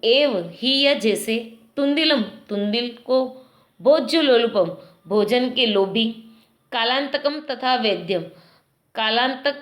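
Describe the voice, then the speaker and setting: A woman teacher explaining a Sanskrit text slowly, word by word, to children. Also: fairly high pitch, a bit bright. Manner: slow, patient word-by-word translation, addressing children. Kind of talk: Sanskrit lesson explained line by line.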